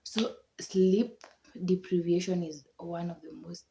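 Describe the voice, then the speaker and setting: Young Kenyan woman, casual vlog chat, low-ish mellow voice, lo-fi sound. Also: fairly even intonation, slow pace, creaky, a little hiss or hum. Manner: chatty, laughs often, repeats words for emphasis. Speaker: vlogger. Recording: dull lo-fi recording.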